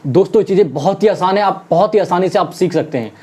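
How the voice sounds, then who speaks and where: A spoken English teacher giving a lesson, who keeps calling the viewers friends and asks questions only to answer them. English example sentences are repeated slowly, one word at a time. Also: medium pitch, dark tone. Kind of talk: online classroom lesson.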